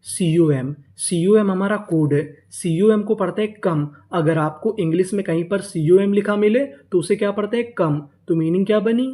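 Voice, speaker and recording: A man teaching a class, asking a question and then answering it himself, and repeating each word slowly several times. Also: high voice, mellow. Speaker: English teacher. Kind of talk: classroom-style spoken lesson.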